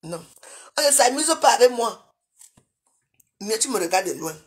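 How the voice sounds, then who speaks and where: A combative woman rants live at her viewers. She talks into a phone in her bedroom, alternately loud and scolding, then dropping to low mutters. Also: big pitch swings, normal speed. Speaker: livestreamer. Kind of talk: live video rant at viewers.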